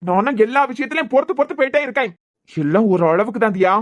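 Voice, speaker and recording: A woman voicing a hot-tempered young husband and father in a cartoon serial, scolding loudly with a Kanyakumari Tamil accent. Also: fairly high pitch, animated, racing, lightly acted. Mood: angry. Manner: scolding, raising his voice.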